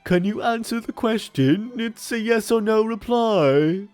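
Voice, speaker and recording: A man's voice: high voice, lively intonation, unhurried, darkish tone, faint music behind, voice pushed up. A man voicing a businesslike, mildly exasperated job interviewer with formal, insistent questioning in a comic dramatic reading.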